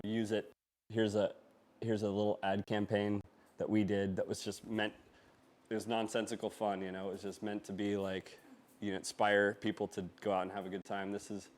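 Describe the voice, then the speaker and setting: A young man from Norway, raised in Arizona, talking casually over slides about his motorcycle shop, halting and full of fillers. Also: on the low side. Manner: halting, filler-heavy, laughs easily. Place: event space before a live audience.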